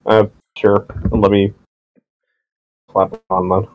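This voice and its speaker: A low-voiced man takes his turn as a player in a tabletop game, pausing often with a hesitant "uh" as he thinks aloud. His mic sounds dull and lo-fi, and the sound is very dry. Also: level tone, no echo. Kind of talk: casual tabletop role-play.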